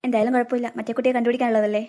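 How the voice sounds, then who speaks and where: A woman voicing a snake queen in human form in a cartoon, gentle and motherly toward children while keeping her secret. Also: fairly high pitch, level tone, very fast, close to an everyday voice. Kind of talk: cartoon voice acting.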